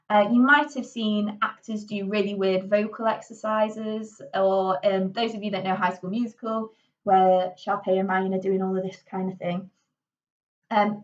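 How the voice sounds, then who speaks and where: A woman from Yorkshire, England, with a Yorkshire accent, gives a casual drama lesson as a teacher in a medium-pitched voice. She's chatty, with lots of ums and self-corrections, and the lo-fi recording is taken from a distance.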